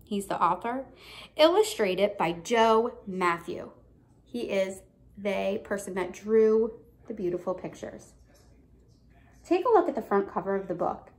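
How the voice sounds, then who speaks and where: Indoors at home, a young adult woman reads a picture book aloud like a teacher to a young child. Her medium-pitched voice is animated, with deliberate, emphatic storybook phrasing and prompting questions.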